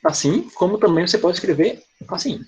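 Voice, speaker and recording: A man's voice: sits high, animated, fairly quick, a little mellow, dull audio, a little hiss or hum. A male English teacher with a Brazilian Portuguese accent, explaining grammar step by step in an online class over a video call. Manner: patient, explains step by step with frequent "tá?" and "né?".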